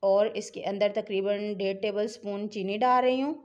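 This home cooking tutorial voice-over comes from a cooking channel host, a middle-aged woman with a Pakistani Urdu accent. Her mid-range voice keeps a steady tone and moderate pace as she chattily and encouragingly explains the recipe.

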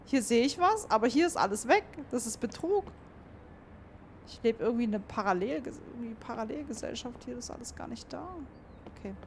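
A woman's voice: a little high, animated, fairly quick, a little hiss or hum. A young woman chatting and joking to her viewers as she plays a horror game. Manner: chatty, joking, talks to viewers while playing. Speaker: let's play host. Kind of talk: casual gameplay commentary.

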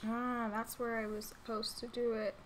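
A woman's voice: on the high side, level tone, normal speed, a little hiss or hum, rough recording. A young woman chatting casually to herself and her viewers while live-streaming a game, self-deprecating and easily flustered. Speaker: streamer playing a life-sim game. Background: game music.

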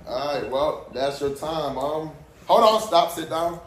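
A man's voice: on the high side, a little slow. A man hosting a dating game segment in casual chat, brash, profane and teasing. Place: indoor room in a content house. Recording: echoey room.

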